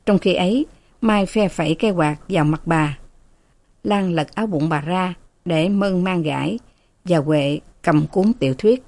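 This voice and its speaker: A woman narrating a story in a steady storytelling manner, voicing its characters. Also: fairly low pitch, a little slow, no room sound.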